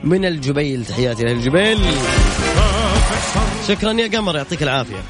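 A man's voice: a little high, very animated, fast, loud music behind the voice. A man with a Saudi accent hosting a call-in radio show, playful and effusive with callers as he announces prizes. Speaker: radio host. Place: radio studio with music playing behind.

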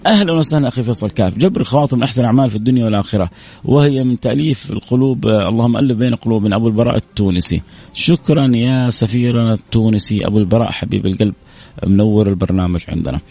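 A man hosting a call-in radio show, his voice hoarse, reading out listener messages with devout phrasing. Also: fairly low pitch, very fast. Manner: reads listener messages aloud, warm religious phrasing.

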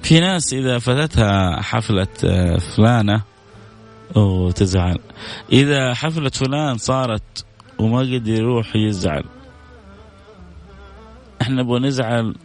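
A man's voice: on the low side, lively intonation, normal speed, long pauses, darkish tone, faint music behind. A middle-aged man preaching a sermon with fervor, repeating exclamations with rising emotion.

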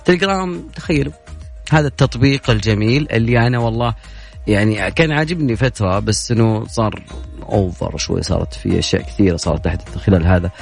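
A man's voice: on the low side, vocal fry, faint music behind. A man hosting a casual radio talk show, chatty and playful. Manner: chatty, playful, fast-talking. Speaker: radio host.

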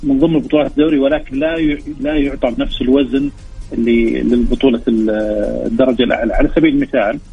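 Male Saudi expert guest, strongly husky, brisk, explanatory interview talk, muffled low-fidelity radio sound. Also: steady tone. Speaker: guest expert, sports historian. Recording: dull lo-fi radio sound, music behind.

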